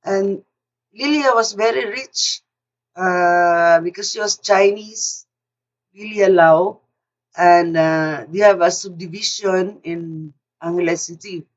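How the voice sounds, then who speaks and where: A woman's voice: on the low side, slow. An older woman casually telling a personal story, often repeating words and restarting her sentences. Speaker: speaker sharing a personal story. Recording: distant mic, dull lo-fi sound.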